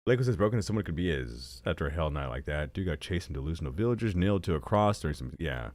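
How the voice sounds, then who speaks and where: Fast-talking and self-mocking, a young man streams games and rambles casually to viewers, his pitch jumping suddenly as he gets animated. He has a stuffy nose and hiccups, and he hosts a gaming channel. The recording is dry.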